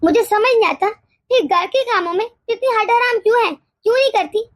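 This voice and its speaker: A woman voicing a harsh, scolding older mother-in-law in an animated story, nagging and sharp-tongued. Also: extremely high pitch, normal speed, dry recording, clean studio sound.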